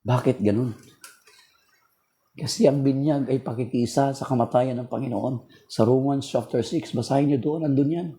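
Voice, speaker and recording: A man with a mellow, dark voice teaches about faith from his house. He talks earnestly and circles back to drive each point home. His voice sounds strained. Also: medium pitch, normal speed. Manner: earnest, repeats key points for emphasis. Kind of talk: informal religious teaching.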